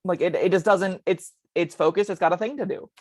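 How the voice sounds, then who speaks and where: A woman co-hosting a casual tabletop game podcast, talking in quick chatty bursts with plenty of ums. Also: fairly low pitch, a little mellow, dry recording. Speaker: co-host discussing tabletop spells.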